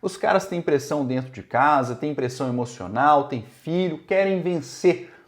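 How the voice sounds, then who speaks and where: A man's voice: fairly high pitch, lively intonation, normal speed. A man with a Brazilian accent hosting informal football commentary, speaking to fans in an emphatic, conversational way. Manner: emphatic, conversational, often checking with tags. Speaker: football commentator and show host.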